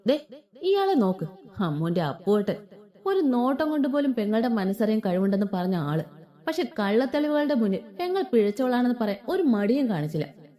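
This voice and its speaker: A woman's voice: fairly high pitch, big pitch swings, a little fast. A woman reading as a bitter, defiant young wife. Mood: angry. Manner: sharp, scornful speech.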